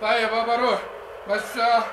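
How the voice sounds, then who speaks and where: Whiny, vengeful young guy, very high and quick; echoey noisy old TV sound. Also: little pitch movement. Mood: complaining. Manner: shouts, threatens, whiny. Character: hot-headed young man, easily soaked, vengeful.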